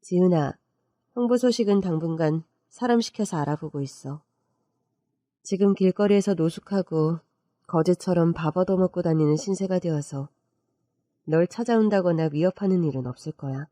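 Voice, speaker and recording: A woman's voice: lowish voice, normal speed, warm tone, no echo, clean studio sound, lightly acted. A woman voicing a fierce, protective middle-aged aunt who speaks in a cutting, scornful way, in a radio-style story reading. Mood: gentle.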